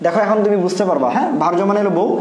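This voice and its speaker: A man's voice: sits high, roomy sound. A man tutoring for admission exams who walks through answers and keeps checking in with his students. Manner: quick, repeats points and keeps checking in with students. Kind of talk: exam answer walkthrough.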